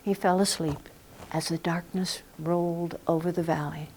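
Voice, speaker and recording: A woman's voice: fairly low pitch, fairly even intonation, moderate pace, a little mellow, slight background noise. A woman telling a folk tale live in a recording studio, dramatic and often dropping to a whisper. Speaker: storyteller.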